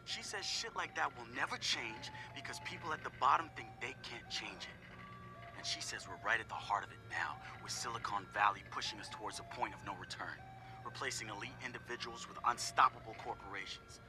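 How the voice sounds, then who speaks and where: With clear music behind him, an actor voices a laid-back young male hacker in a game audio log, candidly sizing up teammates in casual talk full of profane, wry asides. His voice is medium-pitched, fairly quick, and close to how he'd normally speak.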